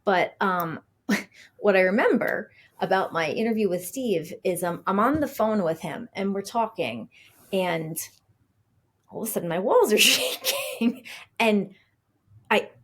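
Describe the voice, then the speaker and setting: A middle-aged woman talking as a guest on a podcast, her voice sitting at an ordinary pitch for a woman. She tells her story in a lively, conversational way and acts out what people said to her. She uses plenty of fillers and restarts along the way. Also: a little slow. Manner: chatty, animated storyteller who acts out quoted dialogue.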